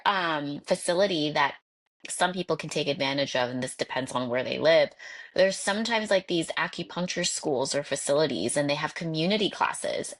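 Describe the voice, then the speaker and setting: A woman hosting a podcast interview, affirming her guest with frequent murmurs of agreement. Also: low voice. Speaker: podcast host. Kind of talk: interview talk.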